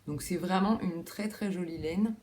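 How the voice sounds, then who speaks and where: A woman's voice: fairly low pitch, moderate pace, a little mellow, a little hiss or hum. Chatty woman hosting a knitting podcast. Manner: chatty, self-deprecating, many fillers and restarts. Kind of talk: casual chat. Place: home room with window.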